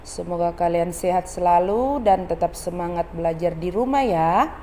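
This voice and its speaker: Slow, clear woman teacher in reverberant room. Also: on the low side, mellow, a little hiss or hum. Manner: slow, clear, repetitive teaching voice with rising sing-song questions. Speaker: primary school teacher. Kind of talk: recorded home-learning lesson for children.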